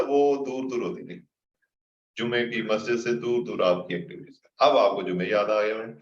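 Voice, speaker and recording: A man teaching an online class, patiently reading out students' questions and answering them. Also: on the low side. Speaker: instructor. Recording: muffled lo-fi recording, roomy echo.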